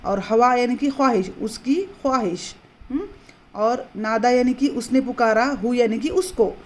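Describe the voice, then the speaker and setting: A woman teaching Quran reading in a patient, explanatory way, repeating words slowly and drawing them out. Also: a little high, darkish tone. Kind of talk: slow explanatory lesson.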